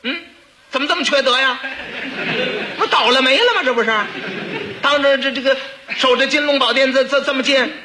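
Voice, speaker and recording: A man's voice: very high voice, fairly quick, long pauses, noisy background, pitched above the performer's own voice. A man voicing a hot-tempered, portly old prince who blusters and scolds with stammering repeats. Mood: scolding.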